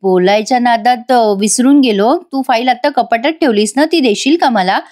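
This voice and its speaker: A woman's voice: fairly high pitch, normal speed, darkish tone, lightly acted. A woman voicing a flustered young man who hesitates and defends himself.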